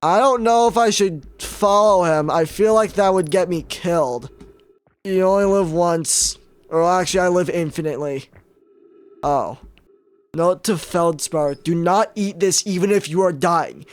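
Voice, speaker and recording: A man's voice: high-pitched, measured pace. A young man giving casual, joking commentary as he plays a game and talks to himself. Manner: joking, self-talk. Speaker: gaming YouTuber.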